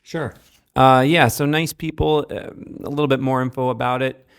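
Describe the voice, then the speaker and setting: Filmmaker guest from Massachusetts, low gravelly monotone, smooth resonant timbre. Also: male voice, moderate pace. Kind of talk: casual interview.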